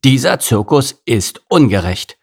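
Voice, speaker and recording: A man's voice: medium pitch, sing-song, unhurried, gravelly, husky, pitched above the performer's own voice, exaggerated voice. A man reading a storybook and voicing a grumbling, overworked male circus gorilla who thinks himself an artist. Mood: indignant. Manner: grumbling, complaining, pompous when speechifying.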